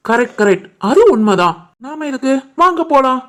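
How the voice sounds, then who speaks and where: Cartoon role: a woman as an agreeable, joking relative, slightly high. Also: sing-song, fairly bright tone. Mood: playful. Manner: easygoing, quick to agree.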